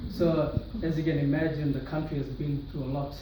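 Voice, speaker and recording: Heard from a distance in an echoey hall with background noise, a young man from Sri Lanka shares his testimony earnestly before an audience in a large room. His voice is on the high side and level, fairly quick, full of restarts and fillers.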